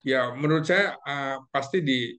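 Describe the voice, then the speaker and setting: A man who is a guest analyst in a casual discussion, going through names and facts methodically, with many pauses and fillers. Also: mid-range voice, pushed and bright.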